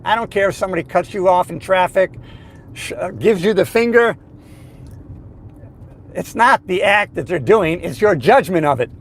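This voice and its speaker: A man's voice: high voice, animated, normal speed, pauses often. A man in his sixties hosting a live stream, chatting in an upbeat, motivational way. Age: 60s. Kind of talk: casual live-stream chat.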